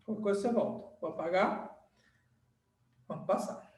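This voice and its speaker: A man's voice: high-pitched, normal speed, recorded from a distance. A male teacher gives a grammar lesson at a board. He repeats words and checks in often to make sure the class follows. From Brazil. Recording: echoey room, voice off-mic.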